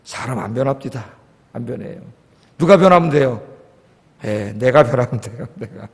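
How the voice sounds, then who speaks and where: A man's voice: medium pitch, expressive, normal speed. A pastor in his fifties preaching a sermon with emphasis, often asking his congregation questions. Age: 50s. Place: church sanctuary. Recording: long church hall reverb.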